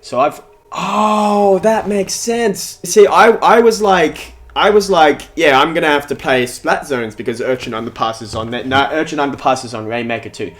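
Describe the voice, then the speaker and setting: At home in front of a big TV, a nineteen-year-old man streams a game and rambles talkatively while answering chat. His mid-range, slightly bright voice sounds younger than his age.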